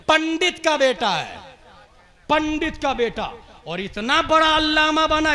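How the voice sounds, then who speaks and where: A male Islamic preacher giving a fiery sermon at a conference, building rhythmic repeated lines to shouted peaks, then dropping into quick conversational asides. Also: very high-pitched.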